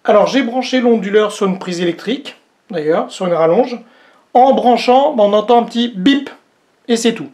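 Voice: mid-range voice, moderate pace, darkish tone. A vlog host doing a casual unboxing demo, talking straight to viewers, with many hesitant fillers and a joke about their own English accent. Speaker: host reviewing a product.

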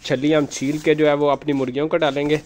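Holding his phone himself, a man records his rooftop chickens and softly talks the children through feeding them, often encouraging them along. His slightly high voice doesn't move around much in pitch and comes out fairly quickly as he narrates casually beside the coops.

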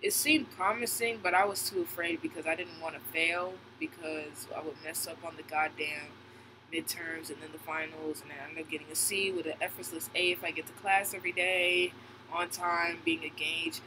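Brief: young man, high voice, wearing braces, candid filler-heavy vlog chatter, audible hum behind. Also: fairly even intonation, moderate pace. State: speaking with braces on. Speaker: vlogger. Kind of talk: casual vlog update. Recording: audible background noise, air conditioning hum.

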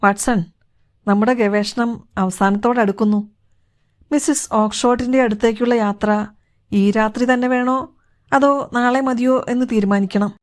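Brief: woman narrator doing a calm, confident male detective, measured delivery, fairly high voice. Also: lightly acted. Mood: composed.

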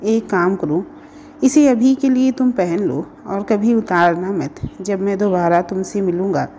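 A woman's voice: medium pitch, unhurried, warm tone, a little hiss or hum, natural voice. A woman reading as Harshit, a kind young boy. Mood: reassuring.

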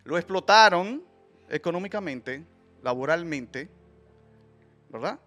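A man's voice: fairly high pitch, animated, takes it slowly, a bit bright, faint music behind. A man, hosting a heated panel debate in a studio and speaking emphatically. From Dominican Republic. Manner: emphatic, gestures a lot, interrupts to steer. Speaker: host. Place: dark studio. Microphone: desk mic on boom arm.

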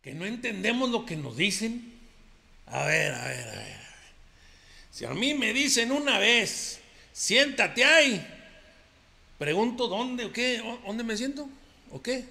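A man's voice: very high voice, very animated, a little slow, creaky, long pauses, sharp tone, big-room sound, voice pushed up, heavily acted. Man doing a blustering macho Mexican ranchero. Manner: blustering, defensive, rambling denials. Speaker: comedian.

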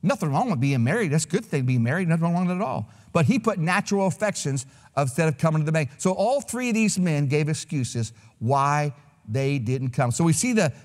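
A man with a fairly high voice preaches in his fifties, talking to his congregation in a homespun, chatty way and checking in with "amen?" after his points. His voice rings out with a long reverb through the church sanctuary. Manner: folksy, conversational preaching with frequent "amen?". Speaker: pastor. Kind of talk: sermon.

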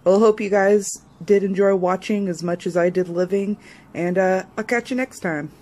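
A young woman chatting in a casual vlog, animated and playfully indignant. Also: medium pitch, moderate pace. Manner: animated, exaggerated indignation, sing-song. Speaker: vlogger.

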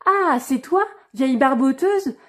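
A woman's voice: sits high, lively intonation, a little slow, pitched above the performer's own voice. A woman voicing a spoiled, haughty young princess in a fairy-tale reading, lifting her voice for emphasis. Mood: scornful. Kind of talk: storybook reading.

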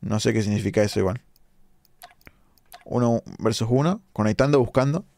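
Late at night, a young Argentine man with a Rioplatense Spanish accent streams a game, chatting casually with viewers, reading their comments aloud and tossing in quick asides. His voice sits fairly low and a bit mellow, with no room sound.

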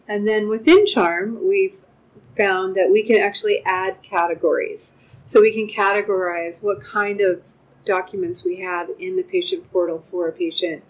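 An older woman with a fairly low voice speaks in a measured, unscripted way, often pausing with "um" as she answers interview questions. She is a clinic manager giving a customer testimonial. She is seated indoors in a wood-paneled room and recorded on a lapel mic. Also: rough recording. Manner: measured, frequent "um" pauses.

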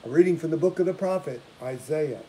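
A man in his sixties speaking as a priest, praying and reading scripture in a solemn, measured, formal way. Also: a little high, mellow, rough recording. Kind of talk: liturgical prayer and scripture reading. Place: small domestic room indoors. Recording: faint background hiss, home recording.

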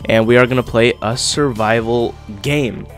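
A man's voice: mid-range voice, steady tone, moderate pace, faint music behind. A young man doing casual let's-play commentary, slightly congested from being sick, talking with a swollen lip. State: getting over being sick. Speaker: gaming YouTuber, host.

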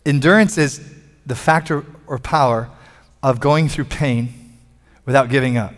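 A man's voice: mid-range voice, unhurried. A middle-aged man preaching a sermon from a church stage on a headset mic, with emphatic, repetitive phrasing that builds in force. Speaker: pastor. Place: large church stage, indoors. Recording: long hall reverb.

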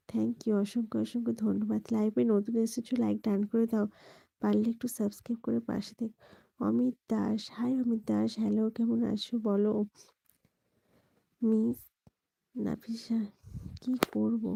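A woman from West Bengal hosts a late-night live stream from home, keeping her voice soft and hushed, close to a whisper. Her tone is very dark and gravelly, with a husky edge. She sounds dry and close on the phone mic with no room around her. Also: a little high, dry recording, poor audio. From West Bengal, India. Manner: greets viewers by name and repeats the same subscribe request. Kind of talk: late-night live-stream chat reading out viewer comments.

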